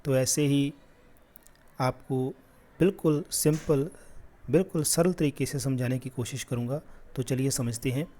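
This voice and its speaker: A man teaching a class lesson, patiently repeating sounds slowly for children. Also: mid-range voice, mellow.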